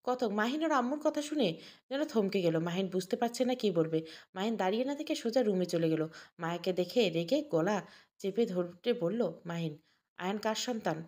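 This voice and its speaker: A woman's voice: medium pitch, expressive, fairly quick, a little mellow. A woman narrating an audio story and reading every character's lines herself, naming each speaker before the line.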